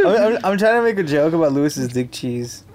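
A man's voice: on the high side, very animated, a little fast. A man chatting on a podcast, teasing the others with crude jokes. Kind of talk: casual chat. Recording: faint background noise.

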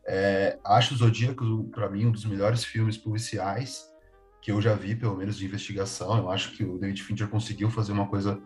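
Low-voiced earnest Brazilian man. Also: little pitch movement, a little mellow, soft background music. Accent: Brazilian Portuguese. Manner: earnest, measured opinions. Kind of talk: casual film debate.

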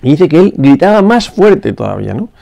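A priest giving a spoken gospel meditation, reflective, pausing often with little questions to the listener. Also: male voice, fairly high pitch, very animated, creaky, warm tone. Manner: reflective, with frequent "¿no?" tags and restarts.

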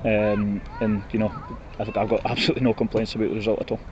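A Scottish man giving a post-match interview as a football manager, blunt and disappointed, speaking haltingly. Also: on the low side, flat delivery. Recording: muffled, noisy outdoor recording with traffic.

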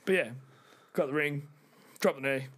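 A man's voice: on the high side, normal speed, breathy edge. A young Australian man co-hosting a podcast, telling a long story in casual chat, swearing often and packing in fillers. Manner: sweary, animated anecdote-telling with lots of fillers. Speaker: podcast co-host.

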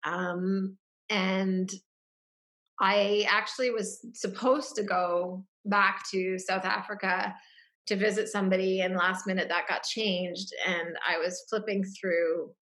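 Woman guest, mid-pitched, reflective casual storyteller. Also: fairly even intonation, slow pace, a bit bright. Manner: reflective, with frequent fillers and restarts. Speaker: interview guest.

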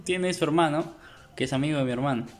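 Slightly high-voiced young man. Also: quick pace. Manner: tells an anecdote, acting out quoted lines. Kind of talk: casual storytelling chat.

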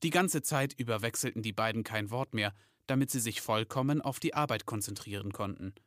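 A man's voice: on the low side, fairly quick, a bit bright, no room sound. A man narrating a storybook, dry.

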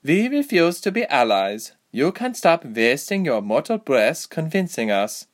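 A cold, formal mermaid princess, put on by a male narrator. Her voice rises slightly above his own, measured and stiff. She sounds aloof and commanding. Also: a little high, big pitch swings, pitched above the performer's own voice. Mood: formal, haughty.

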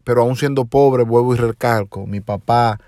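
A man's voice: medium pitch, fairly even intonation, background noise. A man in his forties with a Dominican Spanish accent, hosting his own podcast in a reflective monologue full of hesitations. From Dominican Republic. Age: 40s. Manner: slow, reflective, many hesitations. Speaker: podcast host. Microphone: phone or home microphone.

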